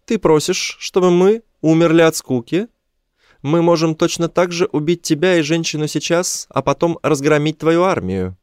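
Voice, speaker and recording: A man's voice: on the high side, moderate pace, clear, resonant tone, no room sound, clean studio sound, voice pushed up, natural voice. A man voicing a cunning, war-loving, furry catlike male alien chief in an audiobook. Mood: mocking. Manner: mocking, war-loving, calm. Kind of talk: audiobook character voice.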